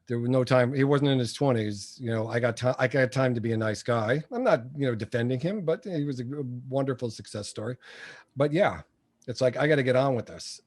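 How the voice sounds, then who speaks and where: A man in his sixties, appearing as a guest entrepreneur and coach, speaks bluntly and tells jokey stories in a casual interview. His voice is mid-range with a darkish tone.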